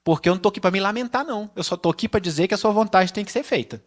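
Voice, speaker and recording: Male pastor, Brazilian accent, higher-pitched, casual sermon delivery with acted-out quotes. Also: racing. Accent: Brazilian Portuguese. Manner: conversational, acts out dialogue in varied voices.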